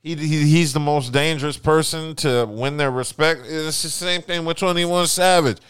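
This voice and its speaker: Man, young adult, podcast co-host, casual profane banter, smooth voice, dry sound. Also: fairly high pitch, moderate pace, no room sound. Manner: animated storytelling, profane. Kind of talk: casual chat.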